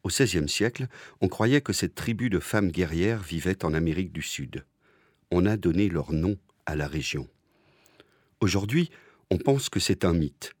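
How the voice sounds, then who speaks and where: A man hosting a podcast with intimate, close-to-the-ear scripted narration and a playful, deadpan manner. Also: sits low, normal speed, dry recording. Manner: speaking close into the listener's ear; playful, tongue-in-cheek deadpan. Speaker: podcast host.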